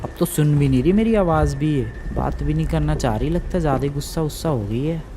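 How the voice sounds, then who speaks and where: A man's voice: on the high side, quick pace, over music. A man commentating a horror game for viewers, jumpy and easily frustrated, yelping at scares. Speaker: gaming YouTuber.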